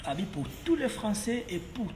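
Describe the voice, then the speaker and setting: Congolese man, casual rambling monologue, high-ish voice, long echoey reverb, switching French and Lingala. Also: very animated, moderate pace, background noise. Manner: rambling, mixing French and Lingala, many fillers and repeats. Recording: roomy echo, long reverb, faint ambience.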